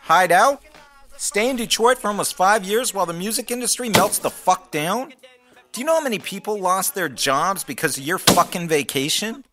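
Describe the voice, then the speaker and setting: A man's voice: sits high, expressive, normal speed, background noise, voice pushed up. A man playing a bullying, sarcastic record executive in a scripted comedy skit, caustic, profane and confrontational. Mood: angry accusing.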